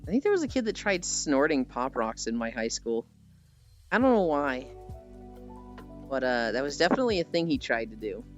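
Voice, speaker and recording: Reading chat aloud and responding at a moderate pace, a mid-range-voiced livestreamer uses a sing-song delivery with long pauses. The casual chat rambles, teases playfully, and includes mild swearing, all over dull lo-fi audio with background music.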